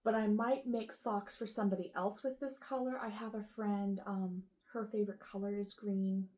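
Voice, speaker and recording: A woman hosting a knitting show, sorting yarn and thinking aloud in a casual, unsure way, with a rough morning voice. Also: mid-range voice, fairly even intonation, moderate pace, mellow. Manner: musing aloud, unsure, lots of ums and trailing off. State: rough morning voice with the odd cough. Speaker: knitting podcast host.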